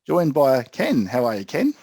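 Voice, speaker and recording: A man's voice: mid-range voice, wildly swooping pitch, moderate pace, dark tone, husky, no echo. A man with an Australian accent giving an informal tech explainer as co-host, plain-spoken and emphatic in colloquial language. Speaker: co-host and IT specialist.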